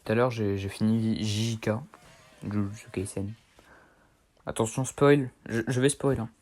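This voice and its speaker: A man's voice: fairly low pitch, moderate pace, a little mellow. A teenage boy chatting casually over his gameplay, rambling in slang and correcting himself as he goes. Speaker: gaming streamer.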